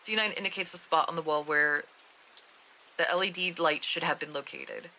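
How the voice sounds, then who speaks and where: A young woman streamer reading a horror article aloud, steady with small stumbles. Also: low-pitched, normal speed, low-quality recording.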